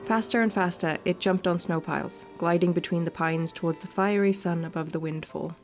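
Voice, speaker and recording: Her pitch fairly low and her intonation fairly even, a female gaming host talks a little fast as she reads game text and offers informal, playful remarks. Background music plays behind her.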